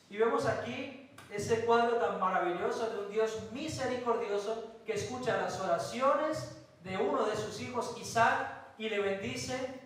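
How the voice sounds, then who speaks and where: Male pastor from Colombia, higher voice, emphatic sermon delivery, recorded from a distance in a church hall. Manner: preaching with emphatic pauses and rhetorical questions.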